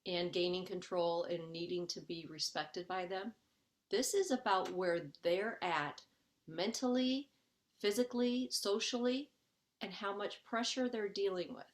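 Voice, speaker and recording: Middle-aged woman, life coach on a parenting webinar. Earnest, chatty delivery, mid pitch, keeps asking "okay?". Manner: earnest, conversational, often checks in with "okay?"; acts out her own inner voice in quotes. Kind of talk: webinar teaching.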